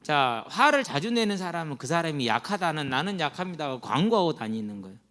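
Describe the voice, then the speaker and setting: Animated high-voiced man preaching in a reverberant hall. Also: quick pace. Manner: colloquial storytelling with acted quotes and slang. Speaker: pastor. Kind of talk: sermon to students. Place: church sanctuary.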